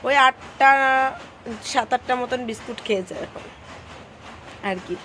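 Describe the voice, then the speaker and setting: A young mother, her voice hoarse and strained, chatting homely and casually to her viewers. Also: on the high side, unhurried, a little hiss or hum. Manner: chatty, homely, soft baby talk with her daughter. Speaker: vlogger, mother. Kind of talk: casual vlog narration to viewers.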